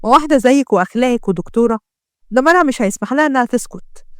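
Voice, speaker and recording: A man's voice: animated, a bit bright, no echo, clean studio sound. Woman doing a menacing mafia boss. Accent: Egyptian Arabic. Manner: low, slow, taunting threats. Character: menacing male mafia boss, cold and threatening.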